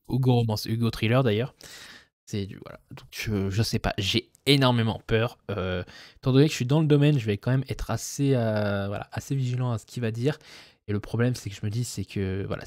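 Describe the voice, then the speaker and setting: A man's voice: mid-range voice, a little mellow, no room sound, clean studio sound. A man chatting casually about his monthly reading plans, rambling with many fillers and restarts. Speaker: booktuber; web developer. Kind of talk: casual book chat.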